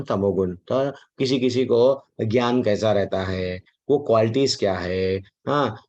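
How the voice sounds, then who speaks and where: A man's voice: on the low side, a little mellow. Man, devotional Gita talk, conversational, muffled lo-fi recording. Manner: conversational, mixing English words, acting out quoted voices. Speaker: Gita class speaker. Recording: dull lo-fi recording.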